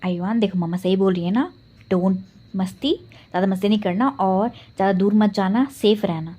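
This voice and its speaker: A woman voicing a gentle, teary young father who warns softly but firmly. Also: mid-range voice, fairly quick, close to an everyday voice. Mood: gentle warning.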